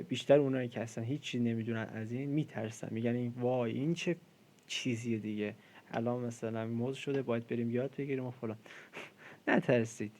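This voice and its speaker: A man's voice: medium pitch, darkish tone. A man in his twenties giving a casual coding lesson, chatty and self-deprecating, with lots of fillers. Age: 20s. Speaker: programming tutor.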